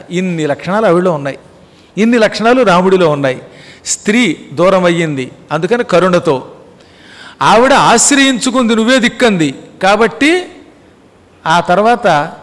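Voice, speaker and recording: A man's voice: high-pitched, big-room sound. A man giving a religious discourse, explaining points with repetition, rhetorical questions and acted-out quotes. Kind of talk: Telugu Ramayana discourse.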